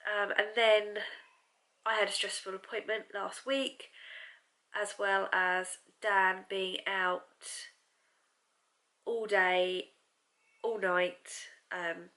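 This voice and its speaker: A young English woman vlogging casually, her voice congested from a cold, soft-spoken and chatty. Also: mid-range voice, steady tone, slow, long pauses. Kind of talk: casual vlog chat.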